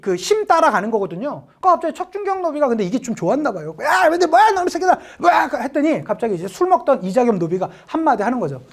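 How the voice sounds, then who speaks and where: A woman's voice: fairly high pitch, darkish tone. A woman teaching an exam-prep history lecture, chatty and joking, often acting out little quotes.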